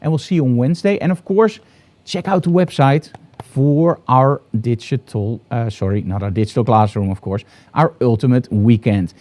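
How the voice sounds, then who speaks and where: A middle-aged man with a Dutch accent hosts a live photography broadcast from his studio, upbeat, enthusiastic and promotional. His voice is medium in pitch and warm, at a normal speed.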